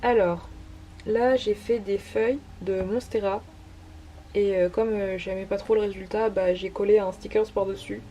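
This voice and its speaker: A woman's voice: mid-range voice, fairly even intonation, normal speed, mellow, a little hiss or hum. A young woman casually talking through her sketchbook pages as an artist vlogger, hesitant and full of fillers. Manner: hesitant, many fillers, self-deprecating laughs. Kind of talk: casual narrated walkthrough.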